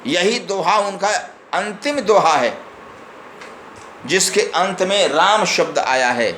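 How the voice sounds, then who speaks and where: Male scripture expounder, slightly high voice, very unhurried delivery, echoey room with faint background hum. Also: animated, a bit bright. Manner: recites verses then explains them line by line. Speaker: religious discourse speaker. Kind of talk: scripture discourse.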